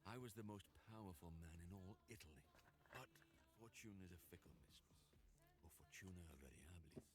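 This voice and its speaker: An actor playing a proud, vengeful Italian noble villain in a video game, monologuing with slow theatrical menace. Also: male voice, low voice, lightly acted. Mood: brooding menace.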